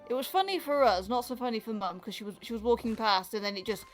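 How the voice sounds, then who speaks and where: A woman's voice: on the high side, fast. A British woman chatting casually while gaming, in a rambling way with frequent stammered restarts. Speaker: gaming streamer. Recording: music behind the voice.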